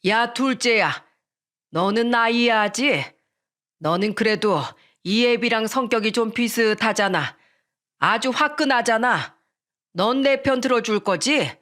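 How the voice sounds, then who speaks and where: A woman's voice: a little high, unhurried, fairly bright tone. A woman voicing a hot-tempered, bullying father-in-law in his sixties in a storytelling radio drama, blustering and indignant. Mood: coaxing.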